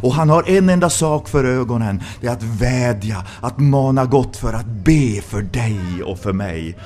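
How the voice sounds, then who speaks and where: A man's voice: medium pitch, darkish tone. A man from Sweden preaching a sermon in a church, with impassioned rhetorical questions that rise to exclamations.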